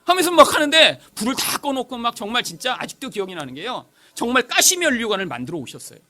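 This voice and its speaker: A man preaching in a church, his voice high for a man and bright, climbing and falling across a wide span. He tells his own story with feeling, going quiet and then pushing hard into loud stretches. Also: very animated, fast. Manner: emotional storytelling, swings between hushed and loud. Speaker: pastor. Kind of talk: sermon with personal testimony. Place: church sanctuary.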